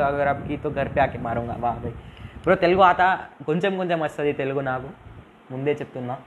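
Over a rough recording with a bit of hiss or hum, a young live-stream gaming host speaks in a higher voice. He reads chat comments aloud in English-sprinkled Hindi and keeps pleading with viewers to subscribe.

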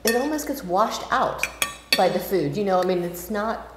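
A woman's voice: medium pitch, expressive, normal speed. Woman cooking instructor, explanatory casual chat, echoey room, faint noise. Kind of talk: casual chat over food and wine.

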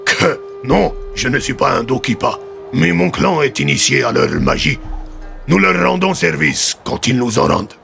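A man's voice: mid-range voice, sing-song, moderate pace, vocal fry, fairly bright tone, full character voice. A man voicing a solemn, menacing male clan chief in an audio story, speaking in a grave, clipped way. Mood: stern. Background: faint music.

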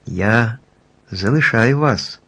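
A man voicing a gracious fairy queen of field mice in a storybook reading, speaking calmly and with dignity. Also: mid-range voice, takes it slowly, husky, full character voice.

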